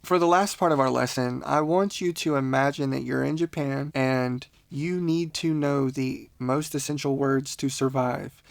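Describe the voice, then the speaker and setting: A man with a gravelly, creaky edge to his voice leads a relaxed podcast language lesson. He talks patiently and laughs often, recorded on a close mic in a dry, dead-sounding room. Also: mid-range voice, normal speed, hardly any pauses, no room sound. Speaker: language teacher.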